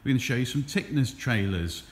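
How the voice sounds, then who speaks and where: An English trailer dealer films a walkaround video on a handheld phone as he moves through a large indoor trailer warehouse. He speaks at medium pitch and a fairly quick pace, relaxed and chatty with lots of ums, and the space is echoey with a faint hum.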